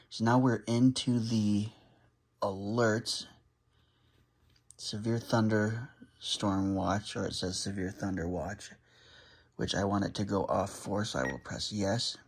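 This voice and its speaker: In a casual, unscripted unboxing, a man with a fairly low, breathy-edged voice narrates setting up a gadget. Like a hobbyist vlogger, he thinks aloud, reads items off one at a time, and tosses in brief comments of his own.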